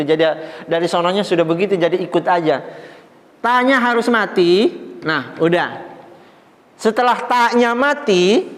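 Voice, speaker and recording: Man, high voice, religious teacher, patient step-by-step grammar lesson, reassuring, long hall reverb. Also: fairly bright tone. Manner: patient, reassuring, with light joking asides; explains step by step while writing on a board. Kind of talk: Islamic study class teaching Arabic grammar.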